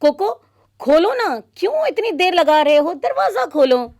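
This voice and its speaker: A woman's voice: extremely high pitch, sing-song, a little slow, a little mellow, voice pushed up, heavily acted. A woman voicing a young girl who is always hungry, calling out and coaxing at a door.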